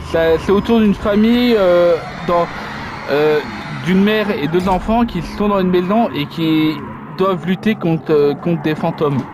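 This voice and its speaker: Male let's player with a high voice and casual, halting commentary, with faint noise under the voice. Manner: hesitant, filler-heavy asides. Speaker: let's play gamer. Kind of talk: casual gameplay commentary, reading game dialogue aloud.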